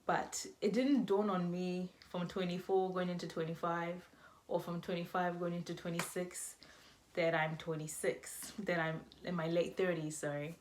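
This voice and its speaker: A woman's voice: on the low side, level tone, moderate pace, a little hiss or hum. Chatty woman in her twenties rambling. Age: 20s. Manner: chatty, rambling, self-correcting, laughing asides. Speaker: vlogger. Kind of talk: casual chat to camera.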